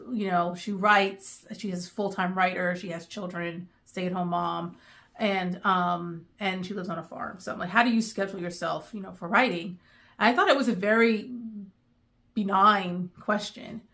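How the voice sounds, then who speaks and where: A middle-aged woman, chatting in a rambling way with many pauses, going emotional at times. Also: on the low side, fairly even intonation, bright, forceful tone. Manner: emotional, near tears. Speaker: book vlogger. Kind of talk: casual chat.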